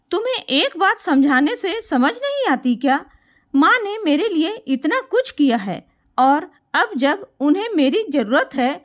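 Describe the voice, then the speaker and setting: A woman's voice: very high-pitched, exaggerated voice. A woman voicing a patient, earnest grown son who reasons and pleads.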